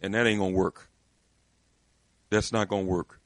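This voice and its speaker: In a dry recording, a man with a low voice and fairly even intonation argues with emphatic conviction at a moderate pace. He keeps restarting his sentences, and his intensity rises as the impassioned discussion goes on.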